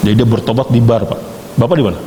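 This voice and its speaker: A man teaching a theology class, quizzing students with quick, joking questions and telling stories. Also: mid-range voice. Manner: jokey, rapid-fire questioning of students. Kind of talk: interactive class lecture with storytelling. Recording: echoey hall, faint background hiss.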